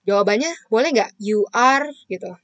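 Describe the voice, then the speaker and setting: A woman's voice: medium pitch, moderate pace, a bit bright, no echo, lo-fi sound. Patient woman teaching kids. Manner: patient, explains step by step to kids, asks and answers her own questions. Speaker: primary school English teacher. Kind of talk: online children's lesson.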